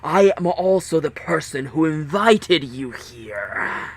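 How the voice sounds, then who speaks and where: A man voicing a cold, eerie masked captain of a deadly game, speaking slowly and harshly, at times half-whispered. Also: on the high side, sing-song, heavily acted. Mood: menacing.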